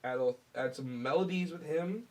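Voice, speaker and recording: A man's voice: a little high, moderate pace. Nasal young-sounding man explaining his recording. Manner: relaxed, explaining each step with fillers. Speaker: musician recording his own song. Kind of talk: casual explanatory talk to camera.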